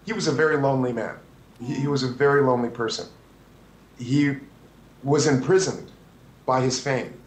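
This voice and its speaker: A man in his fifties, a photographer telling stories as an interview guest, animated and prone to restarts. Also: medium pitch, moderate pace, long pauses, reverberant, low-quality recording. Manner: animated, restarts and acts out quotes. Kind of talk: anecdotal interview storytelling.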